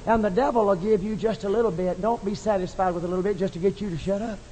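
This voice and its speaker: A woman preaching a fervent Pentecostal sermon, building to shouted repetitions and calling on the congregation to repeat her words, in an old archive tape from a church service. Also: mid-range voice, fairly even intonation, fast. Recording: reverberant church with faint hiss, 1980 archive tape.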